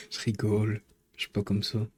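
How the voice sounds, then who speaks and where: A man's voice: lowish voice, darkish tone, slightly rough. A man chatting casually with his live-stream viewers, rambling and joking as he teases the chat.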